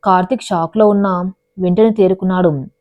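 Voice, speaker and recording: A woman's voice: fairly low pitch, steady tone, brisk, no echo. Woman narrating a dramatic love story. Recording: dry, dull lo-fi voice recording.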